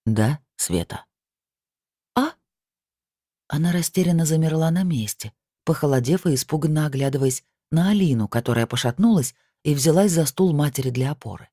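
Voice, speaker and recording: A man reading a novel aloud as an audiobook narrator, steady and even. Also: on the high side, dry recording, studio quality. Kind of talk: scripted narration.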